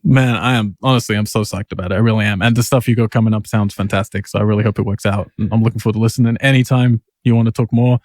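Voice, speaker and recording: A filmmaker guest speaking in an interview, musing with passion about grief and endings. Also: male voice, fairly low pitch, no echo, studio quality. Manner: rapid, passionate, animated musing.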